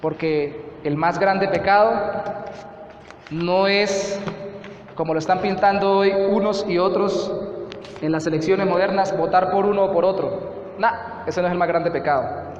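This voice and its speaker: In a church hall, a Colombian man serving as pastor delivers an earnest sermon in Colombian Spanish, repeating phrases to stress them. His voice sits high and he speaks a little slowly with long pauses. The echoey, slightly dull recording carries a little hiss or hum.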